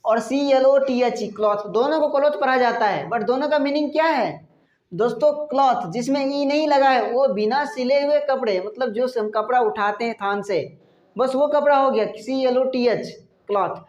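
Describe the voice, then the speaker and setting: A woman's voice: high-pitched, moderate pace, darkish tone, lo-fi sound. A woman teaching a spoken English lesson, spelling words out letter by letter and asking her listeners rhetorical questions. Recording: echoey room.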